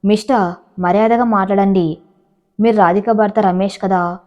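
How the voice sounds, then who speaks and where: A woman voicing a suspicious, quick-tempered husband who talks in an irritated, scolding way. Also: mid-range voice, fairly even intonation, natural voice. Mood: warning. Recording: dull lo-fi audio.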